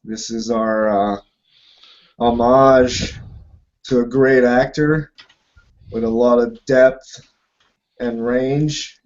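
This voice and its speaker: A man with a French accent, hosting a live tabletop game as game master, relaxed, with frequent fillers and laughs. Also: medium pitch, extremely slow, long pauses, muffled recording.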